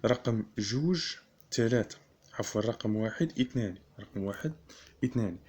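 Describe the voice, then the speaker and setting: A male teacher with a Moroccan Arabic accent works through a chemistry lesson, saying every term two or three times and quizzing the class. His voice sits low and sounds dark and mellow. A faint hiss runs under the recording. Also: animated. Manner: repeats each term slowly, asks rhetorical questions. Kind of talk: classroom lesson explaining notation.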